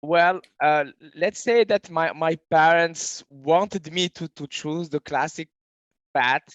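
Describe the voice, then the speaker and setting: A man's voice: a little high, slow pace, fairly bright tone, dry recording, dull audio, soft background music. Hesitant Moroccan-born man in his thirties. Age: 30s. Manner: hesitant, many fillers and restarts. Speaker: guest entrepreneur. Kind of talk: casual interview answers.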